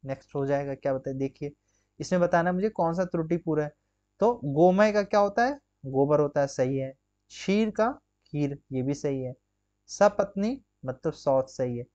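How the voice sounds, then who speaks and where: A man's voice: a little high, lively intonation, moderate pace, darkish tone, lo-fi sound. A man teaching an exam-prep grammar lesson, drilling students with rhetorical questions and constant check-ins. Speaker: Hindi teacher.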